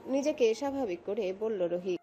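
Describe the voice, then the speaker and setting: A woman narrating a romantic audio story in a steady, expressive storytelling voice. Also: on the high side, normal speed, faint music behind.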